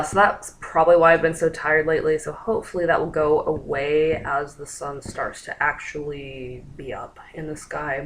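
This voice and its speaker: A woman's voice: sits low, a bit bright, low-quality recording. A young woman giving a casual pregnancy update to her camera, chatty and full of "like" fillers. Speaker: pregnancy vlogger.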